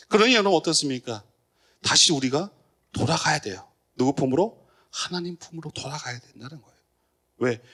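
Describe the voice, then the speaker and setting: A man's voice: high-pitched, fairly bright tone. A young man giving a sermon to teenagers as youth pastor, asking them questions and acting out short voices. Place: church.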